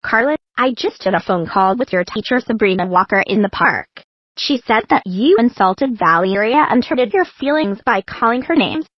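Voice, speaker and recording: A female text-to-speech voice playing a stern mother scolding her daughter in an animated video. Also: fairly high pitch, moderate pace, slightly rough, dry recording, dull audio.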